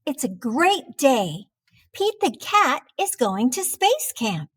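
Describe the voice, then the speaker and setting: Lady reading a kids book out loud, slow and kinda high, soft music behind. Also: big pitch swings, breathy edge. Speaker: children's book reader. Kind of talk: storybook read-aloud.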